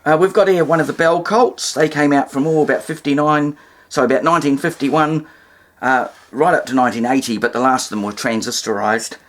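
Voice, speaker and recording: Sitting at a table indoors, a New Zealand-accented presenter talks through a vintage radio repair demo, unscripted and hands-on. His mid-range voice stays steady and moves a little fast as he hesitantly thinks aloud, carefully spelling things out.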